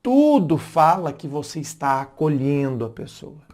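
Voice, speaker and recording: Man, Brazilian Portuguese accent, slightly high voice, reflective advice talk, restarts and rephrases. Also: sing-song, a little slow, a little mellow. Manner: reflective, repeats and rephrases, many fillers and restarts. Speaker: philosopher giving relationship advice. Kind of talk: casual spoken lesson to camera.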